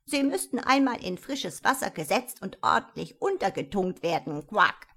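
A woman voicing a fat, jolly green male frog who croaks "quack" between his words. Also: mid-range voice, big pitch swings, normal speed, bright, forceful tone, heavily acted. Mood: jolly, boastful.

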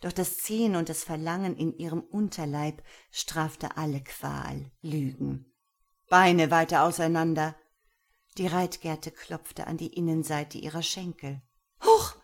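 Low gravelly woman narrating. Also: a little mellow. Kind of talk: audiobook narration.

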